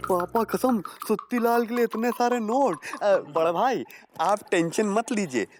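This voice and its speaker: A wisecracking village hustler. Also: male voice, sits high, measured pace, very noisy. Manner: mocking, wisecracking. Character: scheming, mocking male village hustler. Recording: background music under dialogue.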